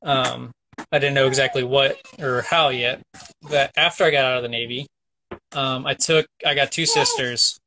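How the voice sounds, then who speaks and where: A man's voice: mid-range voice, steady tone, normal speed, bright, forceful tone, slight background noise. A man in his thirties, a guest on a casual interview, telling a story in an easygoing, rambling way. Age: 30s. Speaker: sailing vlogger guest. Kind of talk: casual chat.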